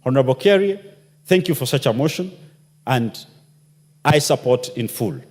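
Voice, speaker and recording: Here a man of medium pitch speaks with lively intonation at a moderate pace, his tone a little mellow. He is an MP making an impassioned address full of rhetorical questions, and the big parliamentary chamber echoes with long reverb.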